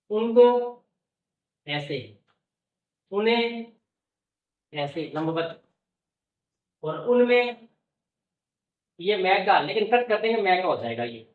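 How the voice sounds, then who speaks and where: A man teaching stenography shorthand, explaining step by step and patiently repeating his checks with the learner. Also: sits high. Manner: patient, repeats "okay" and "look carefully" often. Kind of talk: classroom-style explanation. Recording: echoey, distant, dull sound.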